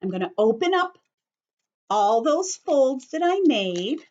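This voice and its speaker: High-pitched and sing-song, this woman speaks slowly with a darkish tone, and the highs are cut off in the recording from her computer's built-in camera and mic. As a teacher hosting an online story time, she guides young children through a craft step by step, explaining patiently in simple words and frequently asking check-in questions.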